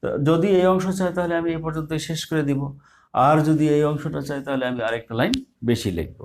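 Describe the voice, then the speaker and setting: A man's voice: on the high side, fairly even intonation, fast talker, darkish tone. A man teaching a math lesson live online, explaining step by step in a patient way with small hesitations.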